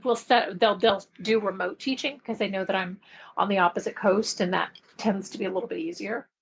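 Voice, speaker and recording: A chatty middle-aged woman talks as a guest on a podcast, relaxed and easy to laugh. Her voice sits at a middling pitch for a woman. She lets her sentences fade off quietly at the ends. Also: a little fast, vocal fry, slight background noise. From Belgium. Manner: chatty, laughs easily, trails off softly at phrase ends. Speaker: podcast guest, book marketing expert. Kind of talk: casual interview chat.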